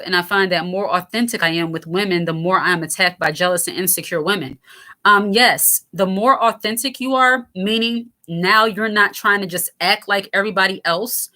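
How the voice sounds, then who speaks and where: Her voice is raspy and lower yet pushed and bright: she's a woman in her thirties hosting casual commentary on viewer comments. Frank and lighthearted, she keeps using fillers, restarting, and interrupting herself.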